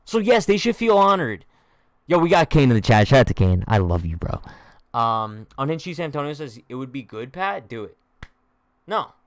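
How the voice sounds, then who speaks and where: A man's voice: mid-range voice, sing-song, normal speed, no room sound. A young man hosting a live-stream sports chat, trash-talking in a joking way, heavy on slang, and reading viewer comments aloud. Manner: slangy, says "bro" a lot. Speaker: sports show host.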